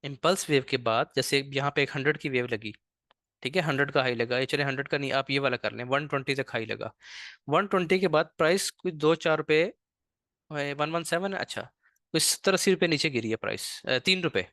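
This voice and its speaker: A man teaching a live online trading class, patient and slow on purpose, often checking in with "ठीक है". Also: medium pitch, a bit bright, no echo, studio quality. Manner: speaks slowly on purpose.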